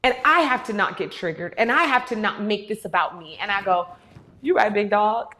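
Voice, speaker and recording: A woman in her thirties, a host answering audience questions in a candid, animated way and swearing often. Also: medium pitch, brisk. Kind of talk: casual talk to an audience.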